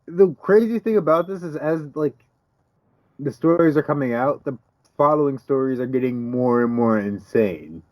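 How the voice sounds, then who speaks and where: A man's voice: medium pitch, animated, moderate pace, dry recording, lo-fi sound. A man co-hosting a podcast in rambling, wry casual chat full of fillers. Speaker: podcast co-host.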